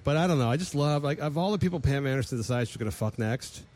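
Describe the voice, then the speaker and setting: A man co-hosting a loose, comedic conversation. He talks at a brisk clip, animated and laughing often, with a voice of ordinary middle pitch. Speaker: podcast co-host. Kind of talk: casual comedic chat.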